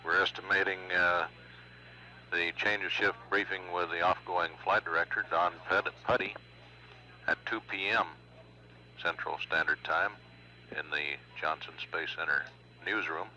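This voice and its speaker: A man giving formal, measured spaceflight status commentary as a mission control announcer, with hesitant pauses. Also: low-pitched, steady tone, pushed and bright. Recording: dull lo-fi broadcast, faint hum.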